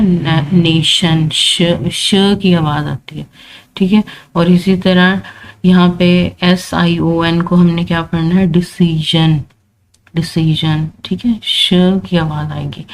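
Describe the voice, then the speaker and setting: A woman's voice: lowish voice, a little hiss or hum, rough recording. A woman teaching English pronunciation rules, patiently repeating points and checking in with learners. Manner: patient, repeats points with frequent "thik hai" check-ins.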